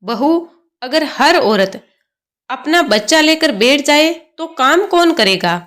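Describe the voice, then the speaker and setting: A woman's voice: high-pitched, expressive, slow pace, fairly bright tone, exaggerated voice. A woman voicing a harsh, domineering older mother-in-law who scolds and gives orders. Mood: scolding. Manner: scolding, commanding.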